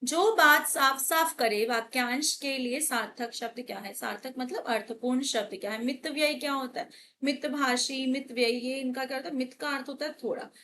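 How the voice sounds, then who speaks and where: A woman's voice: sits high, moderate pace, pushed and bright, slight background noise. A young woman teacher working through exam questions, asking and answering her own questions as she explains. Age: young adult. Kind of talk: exam paper walkthrough lesson.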